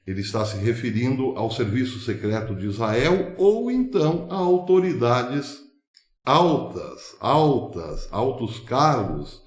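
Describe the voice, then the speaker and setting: A man's voice: medium pitch, animated, takes it slowly, echoey room. A man hosting a news commentary show, speaking emphatically and asking rhetorical questions. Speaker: host.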